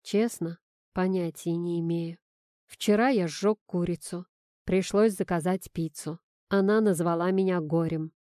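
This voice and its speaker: A woman's voice: fairly low pitch, steady tone, measured pace, warm tone, no room sound, close to an everyday voice. Woman voicing a weary grumbling new dad. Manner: dry, grumbling. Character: weary, flustered young single father. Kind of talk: audiobook reading.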